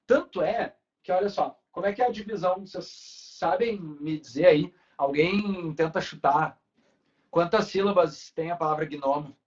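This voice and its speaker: A man's voice: on the high side, normal speed. A man, teaching a Portuguese class in a casual way and checking in with students often. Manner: casual, talks to students with frequent tag questions. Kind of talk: online class lecture. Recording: dull lo-fi recording.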